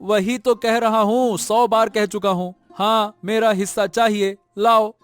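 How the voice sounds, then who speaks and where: A man voicing a greedy, stubborn elder son in an animated story, talking brusquely and waving others off. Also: sits high, unhurried, clear, resonant tone, faint music behind. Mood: scornful. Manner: brusque, dismissive, repeats "no, no".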